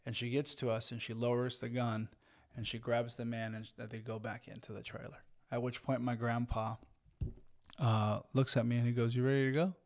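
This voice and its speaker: A man's voice: medium pitch, little pitch movement, normal speed. Rambling storytelling man from Mexico. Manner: rambling storyteller with many fillers and restarts. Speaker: podcast co-host. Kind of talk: casual storytelling chat.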